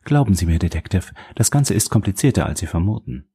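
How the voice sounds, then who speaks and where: A man's voice: low voice, very animated, fairly quick, mellow, exaggerated voice. A man voicing a smug, powerful woman official. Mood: condescending. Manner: smooth, condescending, silkily polite.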